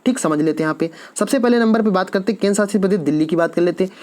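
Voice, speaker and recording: A man's voice: sits high, rapid-fire, a little mellow. Male tutor, exam-prep lecture, asks then answers his own questions, repeats answers. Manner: asks quiz questions and answers them himself; repeats key answers for emphasis. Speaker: teacher.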